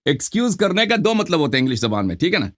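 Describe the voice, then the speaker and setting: A man's voice: on the high side, big pitch swings, a bit bright. A male host on a live call-in show, scolding and accusing a caller and cutting in over him. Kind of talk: confrontational live call-in debate.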